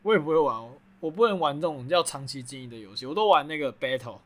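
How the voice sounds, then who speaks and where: A woman's voice: low voice, lively intonation, quick pace. A woman in her twenties with a Taiwanese Mandarin accent, co-hosting a podcast in casual, joking, self-mocking chat. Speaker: podcast co-host.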